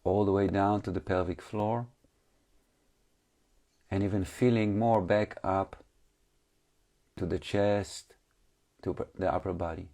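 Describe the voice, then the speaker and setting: A meditation teacher with a deep, dark, relaxed voice leads a guided meditation, speaking slowly with vocal fry. He gives calm instructions in short phrases separated by long pauses, and his English phrasing is slightly non-native.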